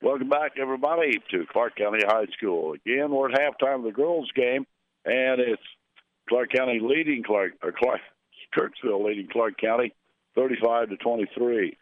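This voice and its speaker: A man's voice: medium pitch, normal speed, dry recording. Man announcing local radio basketball. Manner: conversational, reads scores and schedules. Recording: narrow phone-like radio sound.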